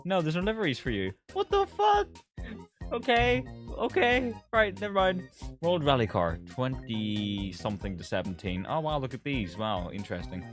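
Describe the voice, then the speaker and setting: A man's voice: mid-range voice, very animated, moderate pace, soft background music. A young man streaming live to his chat over a headset mic. He talks casually, swears freely and speaks straight to his viewers.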